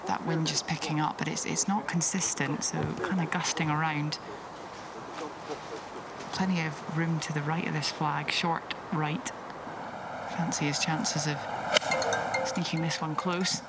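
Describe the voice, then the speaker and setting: Golf commentator over loud outdoor noise. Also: medium pitch, level tone, unhurried, long pauses. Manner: explanatory, describing shots and conditions.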